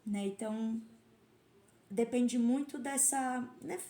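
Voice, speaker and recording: A woman speaks as a podcast guest, recounting her experience in a reflective, storytelling way. Her voice sits a little high, and the recording carries a noticeable roomy echo. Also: slow, warm tone. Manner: reflective, storytelling with quoted self-talk. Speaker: podcast guest, karate teacher. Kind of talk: casual interview conversation.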